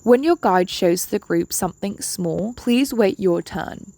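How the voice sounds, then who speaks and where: A woman presents a safety briefing in a relaxed, mellow voice with noticeable creak. Her instructions are polite, firm and laid out step by step. The sound is dry and close, like narration for a training video. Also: medium pitch, measured pace, no room sound.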